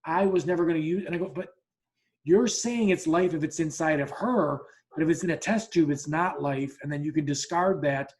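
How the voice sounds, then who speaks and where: The host here has a voice on the high side, a little mellow, moving at a moderate pace. He tells a story on a casual podcast with blunt language and free swearing, restarting often and voicing each side of the quoted dialogue.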